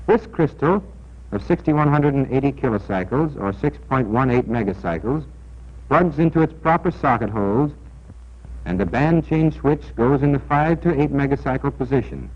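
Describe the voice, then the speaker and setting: On the dull, band-limited soundtrack of a 1940s military training film, an American narrator reads his script deliberately and emphatically, instructing the viewer. His voice is medium-pitched and expressive.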